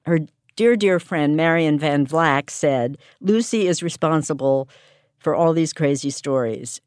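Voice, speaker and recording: A woman's voice: deep voice, unhurried, darkish tone, clean tone, no room sound, studio quality. A woman speaking conversationally as a documentary interview guest. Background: faint music.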